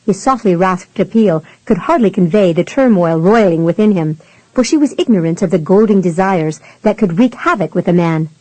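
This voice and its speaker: A woman narrating a historical romance audiobook in a measured, even way. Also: lowish voice, dry recording, rough recording.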